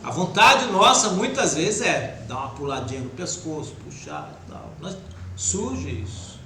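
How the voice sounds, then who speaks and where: A man with a Brazilian Portuguese accent giving an informal spiritist talk, acting out everyday speech in quick quoted asides. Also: high-pitched, lively intonation, bright, forceful tone. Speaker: spiritist lecturer. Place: spiritist center hall. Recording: echoey room with faint noise.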